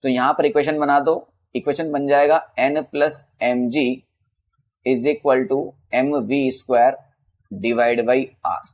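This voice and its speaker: A male physics teacher, mid-range in voice with fairly even intonation, works through exam questions in a casual Hindi lesson. He calls his students bhaiya and beta and slowly reads the English questions aloud.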